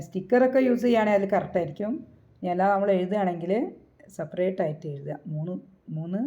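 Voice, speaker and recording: A woman teaching a recitation lesson in Malayalam, patiently repeating syllables slowly to demonstrate the sounds. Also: fairly low pitch, dark tone, muffled recording.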